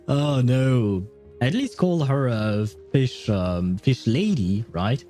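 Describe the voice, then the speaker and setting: A medium-pitched man with a dark tone speaks slowly but animatedly while hosting a gaming livestream. He rambles and thinks aloud casually, chuckling at his own jokes, with soft music playing in the background.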